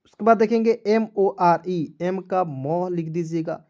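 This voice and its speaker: Male English teacher, mellow voice, letter-by-letter spelling lesson, repeats each word, answers his own questions. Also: sits high, unhurried. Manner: repetitive, asks questions and answers them himself.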